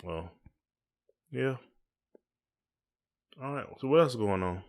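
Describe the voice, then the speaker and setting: A middle-aged American man hosts a podcast, speaking slowly but animatedly in a mid-range voice. His casual chat is colloquial, reflective and conversational.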